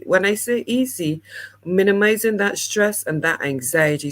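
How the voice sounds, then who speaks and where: A woman co-hosting a podcast in casual chat, her voice croaky, talking in an earnest, encouraging coaching manner. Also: sits low. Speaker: podcast co-host and life coach.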